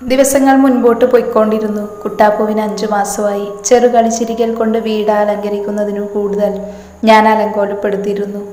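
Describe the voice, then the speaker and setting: A woman narrating a serialized romance story in a steady reading voice. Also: medium pitch. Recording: echoey room, long reverb, soft music.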